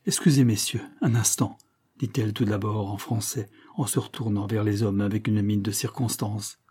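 A male narrator reading a story aloud with measured, dramatic pacing. His voice is mellow and warm with a husky edge. The delivery is steady and literary. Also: fairly low pitch. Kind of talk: audiobook narration.

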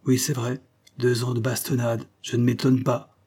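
A man voicing a ragged young ensign, just escaped from captivity, who speaks with halting, wounded pride. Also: mid-range voice, little pitch movement, darkish tone, breathy edge, pitched above the performer's own voice, natural voice.

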